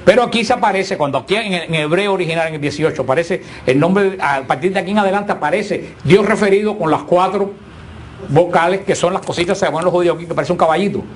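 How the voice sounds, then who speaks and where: Guy teaching bible class to a room, slightly high voice, keeps asking the class questions, faint hiss. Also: fast. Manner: asks the class questions, repeats himself.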